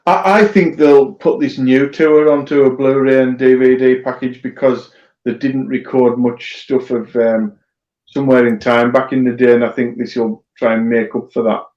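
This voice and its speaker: A man's voice: medium pitch, steady tone, normal speed, darkish tone. A man co-hosting a casual livestream, talking bluntly and swearing freely. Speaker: co-host. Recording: roomy dull-sounding remote mic.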